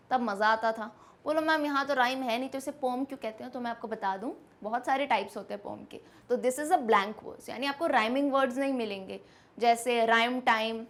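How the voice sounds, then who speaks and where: A young Indian woman teacher explaining a poem to students in a lively way, asking them questions as she goes. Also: a little high. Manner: lively, asks questions to students, mixes Hindi and English. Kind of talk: classroom lesson explanation.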